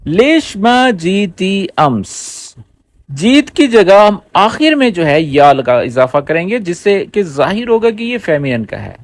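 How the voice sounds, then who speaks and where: A man teaching spoken Arabic, repeating each phrase slowly and explaining it word by word. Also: high-pitched, big pitch swings, no echo. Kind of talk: language lesson.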